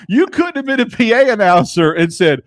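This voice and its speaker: A fairly high-pitched man, co-hosting a sports podcast. He tells stories with emphasis and often repeats his words, and he is recorded dry and close. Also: very animated, unhurried, no echo. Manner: emphatic storyteller, repeats himself. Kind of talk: casual chat.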